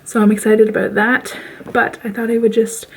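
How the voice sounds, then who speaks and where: A woman's voice: a little high, level tone, moderate pace, breathy edge. A woman in her twenties chatting casually in a vlog from her bedroom at home, filling her talk with "like" and laughing often. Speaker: vlogger.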